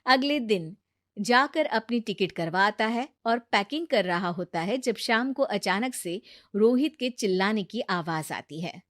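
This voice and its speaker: A woman doing scripted storybook narration for a family cartoon, plain and even. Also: mid-range voice, a little slow, no room sound, studio quality.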